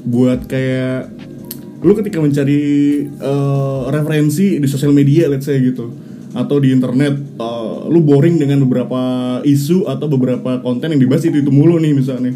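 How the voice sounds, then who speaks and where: A man's voice: mid-range voice, moderate pace, mellow. A young man co-hosts a casual podcast, talking informally in slang with some English mixed in. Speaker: podcast co-host. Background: music.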